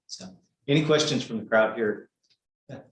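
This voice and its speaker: A man's voice: medium pitch, normal speed. A man speaking as a firefighter guest, informally answering questions at a community meeting. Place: indoor meeting room. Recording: echoey room, far from mic.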